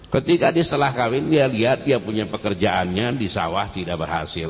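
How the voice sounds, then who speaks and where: A man preaching a sermon, telling a story with sudden high emotional bursts. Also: slight background noise. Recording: long hall reverb.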